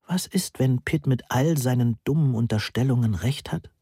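A man voicing a flustered young woman who talks softly and sometimes whispers. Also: medium pitch, normal speed, husky, dry recording, clean studio sound. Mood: pleading. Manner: soft, whispering.

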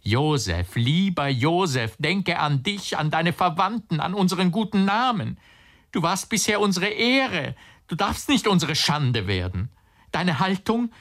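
A man's voice: on the high side, very animated, unhurried, fairly bright tone, pitched above the performer's own voice, heavily acted. A man reading an audiobook, voicing an agitated middle-aged uncle who raises his voice in alarm and pleads anxiously. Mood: pleading.

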